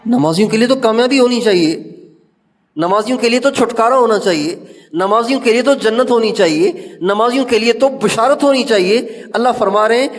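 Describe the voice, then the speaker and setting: A man preaching an Urdu sermon with a Pakistani accent, telling a story with passion, rising to emphatic questions and chanting scripture verses. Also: extremely high pitch. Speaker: Islamic preacher. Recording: long reverb of a large hall.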